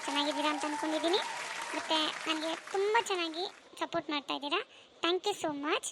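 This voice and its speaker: Brief: woman host, very high and slightly gravelly, friendly channel intro. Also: brisk, a faint crowd, a little hiss or hum. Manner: warm pleading appeal to viewers.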